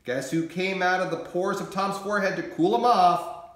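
A man reading his children's book aloud in an expressive, animated storytelling manner. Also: high voice, moderate pace, roomy sound.

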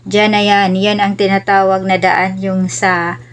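A woman's voice: medium pitch, little pitch movement, unhurried. A woman with a Visayan accent who speaks Cebuano natively, narrating a casual travel vlog while riding on the back of a motorbike outdoors. She rambles in a chatty way and mixes in road-safety advice. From Visayas, Philippines. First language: Cebuano (Bisaya). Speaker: vlogger.

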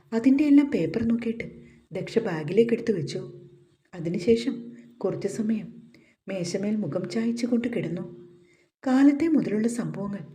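A woman narrating a scripted romantic story with steady, even storytelling. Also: medium pitch.

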